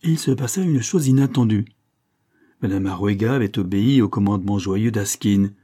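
A male audiobook narrator with a low, mellow, slightly husky voice. He reads in a measured, even storytelling manner. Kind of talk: scripted narration.

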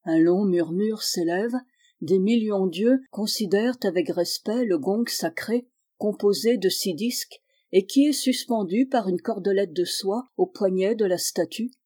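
A woman calmly narrating a novel in a measured storytelling voice. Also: medium pitch. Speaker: audiobook reader.

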